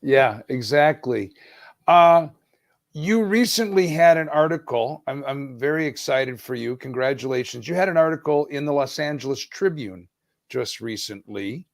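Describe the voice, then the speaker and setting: A man's voice: mid-range voice, animated, moderate pace, gravelly, no room sound. Guy hosting a podcast, friendly, lots of restarts, pretty dry sound. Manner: friendly, hesitant, restarts often. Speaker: podcast host. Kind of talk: casual interview hosting. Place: remote video call.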